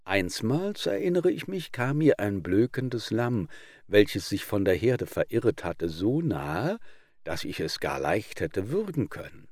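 A man's voice: fairly low pitch, big pitch swings, measured pace, darkish tone, dry recording, clean studio sound. A man doing a dying wolf boasting of his virtue. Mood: self-justifying. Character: dying old male wolf, repentant boaster.

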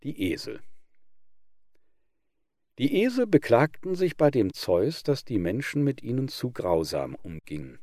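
A man reading old fables aloud in a measured, expressive narration. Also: medium pitch, no room sound, clean studio sound. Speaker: audiobook reader.

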